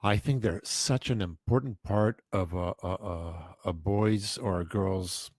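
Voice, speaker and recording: A man's voice: sits low, a little slow, a little mellow, dry recording. A man in his fifties hosting a casual chat, talking emphatically and rambling with restarts. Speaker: podcast host.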